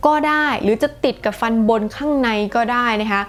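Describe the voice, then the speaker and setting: A woman with a Thai accent teaching English pronunciation in a playful, casual way, repeating sounds slowly and clearly. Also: a little high. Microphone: close to the camera.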